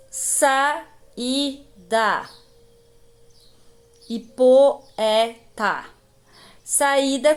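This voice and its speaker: A woman teacher with a Brazilian accent giving a recorded grammar lesson to young pupils, patiently stretching out the example words. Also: a little high. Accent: Brazilian Portuguese. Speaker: primary school teacher.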